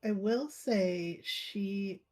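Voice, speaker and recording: A woman playing a tabletop game, speaking in a hesitant, halting way. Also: medium pitch, a little mellow. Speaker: player. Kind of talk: casual tabletop game chat.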